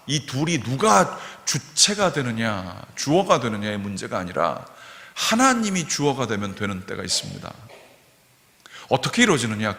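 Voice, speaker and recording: A man's voice: medium pitch, gravelly, pushed and bright. A man preaching at a revival meeting, earnest and repeating key phrases for emphasis. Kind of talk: sermon. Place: church sanctuary. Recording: reverberant church hall.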